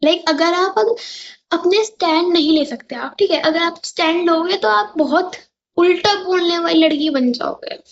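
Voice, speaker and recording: Teen indian girl vlogger, high voice, chatty storytime, kinda dull lo-fi mic sound. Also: normal speed. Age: teens. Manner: chatty, keeps asking "ठीक है?". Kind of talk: storytime vlog. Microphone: clip-on mic.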